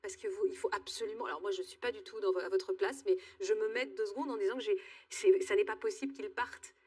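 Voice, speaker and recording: A woman's voice: medium pitch, fairly even intonation, quick pace, a little mellow, husky, far from the mic. A woman hosting a talk show, asking probing questions and thinking aloud. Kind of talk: empathetic interviewing. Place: TV studio.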